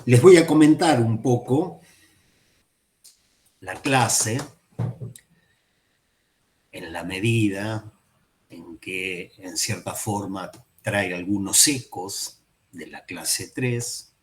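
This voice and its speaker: A man teaching a seminar class. He speaks in a measured way, repeats his phrases and checks in with his listeners. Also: lively intonation. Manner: varies loudness and pitch for emphasis. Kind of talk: lecture on psychoanalysis.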